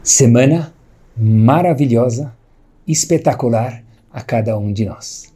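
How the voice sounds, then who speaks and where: Warm, husky storytelling teacher. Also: male voice, takes it slowly. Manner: dramatic storytelling with big pitch swings. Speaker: religious teacher. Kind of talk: storytelling sermon.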